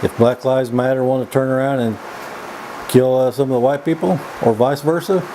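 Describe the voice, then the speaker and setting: A man giving a casual, opinionated vlog monologue in a folksy, halting way, often repeating his words as he goes. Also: mid-range voice, steady tone, background noise. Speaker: vlog host. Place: indoors.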